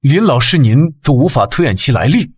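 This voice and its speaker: Deferential disciple, husky, lively pitch, dry sound. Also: male voice, brisk, dry recording. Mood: earnest. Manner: deferential, questioning. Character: respectful male disciple, earnest.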